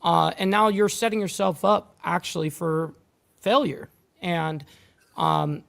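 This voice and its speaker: A man's voice: high voice, steady tone, takes it slowly, vocal fry, fairly bright tone. A man in a podcast conversation, blunt and casual, who swears freely.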